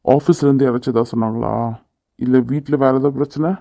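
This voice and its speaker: A man's voice: medium pitch, steady tone, quick pace, warm tone, no room sound, lightly acted. A man voicing a brash young husband who is blunt and teasing but protective of his wife, in a cartoon. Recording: dry, phone-like narrow sound.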